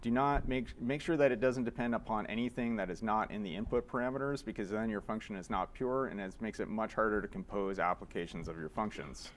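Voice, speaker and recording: A man's voice: fairly low pitch, fairly quick, hardly any pauses, a little hiss or hum. A man with a Canadian accent giving a casual conference talk, with lots of "uh" fillers. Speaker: conference speaker.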